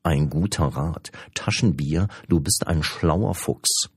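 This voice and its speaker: Man playing an eager fussy storybook gentleman, deep husky voice, lively, dry sound. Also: slow pace, dry recording, heavily acted. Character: fussy, eager, self-deprecating grown man.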